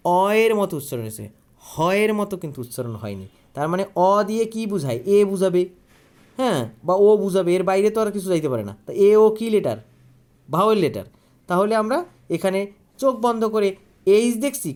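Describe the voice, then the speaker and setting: Man, high voice, grammar teacher, asks and answers his own questions. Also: a little mellow. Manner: asks questions and answers them himself, repeating key words. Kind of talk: online grammar lesson.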